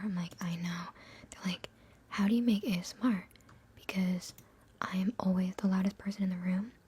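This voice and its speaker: A young woman ASMR streamer chats in a whisper during a rambling live Q&A, answering questions in a giggly, self-mocking way. Her voice is fairly low in pitch, a bit bright, with a breathy edge.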